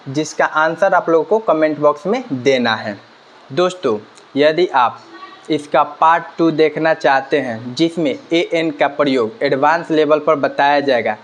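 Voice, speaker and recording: A man teaching a grammar lesson, asking and answering his own questions and repeating key words. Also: a little high. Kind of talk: grammar lesson explaining examples. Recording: slightly dull lo-fi recording.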